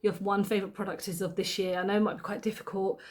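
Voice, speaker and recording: A woman's voice: medium pitch, flat delivery, fast talker. A young woman chatting casually as she applies her makeup, thinking aloud and correcting herself as she goes. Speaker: beauty vlogger. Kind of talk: casual makeup tutorial chat.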